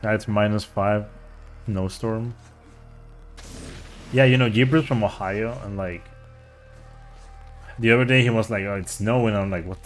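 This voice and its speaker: A man with a fairly low voice talks casually over his gameplay. He rambles and chats with viewers, full of restarts and fillers, while soft music plays underneath. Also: a little slow, long pauses. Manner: rambling and chatty, with frequent restarts and "like". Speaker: speedrunner streamer. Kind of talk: casual live-stream commentary.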